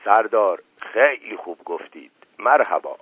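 A man voicing a sly, charming middle-aged nobleman who talks smoothly and persuasively, on a dull lo-fi radio recording. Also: on the low side, expressive, no echo. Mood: coaxing.

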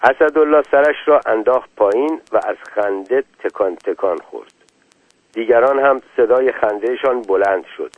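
A man reads a story aloud at a middle pitch, voicing each character's lines in brief turns between plain narration. The sound is narrow and tinny, like a phone line or an old radio broadcast, with no room echo at all. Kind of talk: audiobook reading of a story with dialogue.

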